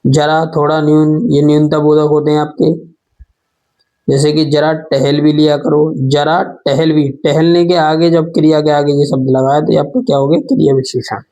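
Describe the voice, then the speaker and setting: A man's voice: fairly high pitch, little pitch movement, normal speed, warm tone. A man teaching a grammar lesson, asking questions and then answering them himself. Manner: repeats "ठीक है" often.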